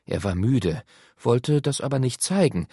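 A man narrating an audiobook in an expressive storytelling manner. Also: mid-range voice, a little slow, slightly rough, dry recording, studio quality. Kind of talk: scripted narration.

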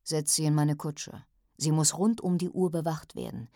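Woman voicing a storybook villain, man, low voice, quiet menace, dry close sound. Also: normal speed, dry recording. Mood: commanding. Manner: low and hushed, commanding. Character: cold commanding powerful man, quiet menace.

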